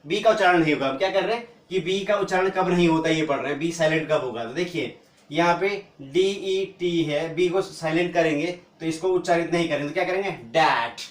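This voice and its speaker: A man teaching English pronunciation, asking questions and answering them himself, repeating each word slowly. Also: fairly high pitch. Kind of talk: classroom lesson. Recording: echoey room.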